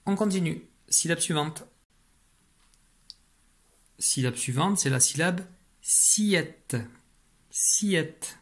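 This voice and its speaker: Slow, patient male teacher dictating syllables. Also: a little high. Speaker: primary school teacher. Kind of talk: spelling dictation lesson.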